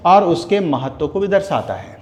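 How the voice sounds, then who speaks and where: A man teaching English grammar in a classroom-style lesson, dictating word by word and checking in with "clear?" as he goes. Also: high voice, lively intonation, darkish tone. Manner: slow, drawn-out dictation, asks "clear?" often; spells out words one at a time. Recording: long hall reverb, faint noise.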